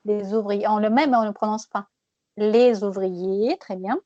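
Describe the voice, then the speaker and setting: A woman teaching French pronunciation one-on-one, patiently repeating words slowly and laughing often. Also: medium pitch, fairly even intonation, a little mellow, no echo, dull audio.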